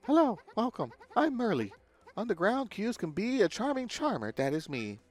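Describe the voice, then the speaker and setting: Cheery mystical video game fortune teller, female shopkeeper, played by a man, pitched high, sing-song rhyming patter, light music behind. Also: huge pitch swings, normal speed. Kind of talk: video game dialogue read aloud.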